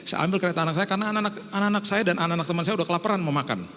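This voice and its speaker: A man's voice: sits high, very fast. Man preaching in a reverberant hall. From Indonesia. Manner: lively anecdotal storytelling, acts out quotes. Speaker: pastor. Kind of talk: storytelling sermon.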